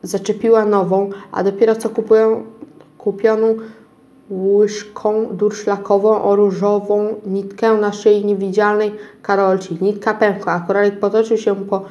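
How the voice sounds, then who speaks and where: A woman's voice: mid-range voice, level tone, measured pace, mellow, muffled recording. A woman reading a children's story aloud, often stumbling over words and starting them again. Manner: unpolished reading with frequent stumbles and restarts. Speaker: reader of a children's book.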